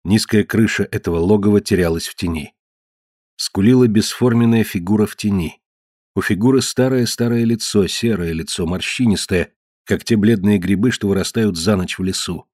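Low-voiced male audiobook narrator. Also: moderate pace, darkish tone, no room sound, clean studio sound. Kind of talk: scripted narration.

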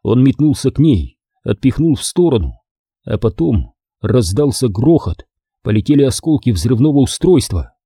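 A man reads a horror audiobook at a measured, steady pace. His voice is very dark and husky. The sound is close and dry, with no room around it. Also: mid-range voice, dry recording. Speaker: audiobook narrator. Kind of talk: scripted narration.

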